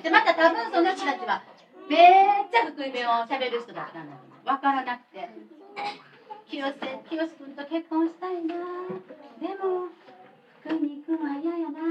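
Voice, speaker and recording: Lively Kansai woman preaching to kids. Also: high-pitched, muffled recording. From Kobe, Japan. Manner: animated, chatty storytelling to children. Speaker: church children's pastor. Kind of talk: children's sermon. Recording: distant mic with faint noise.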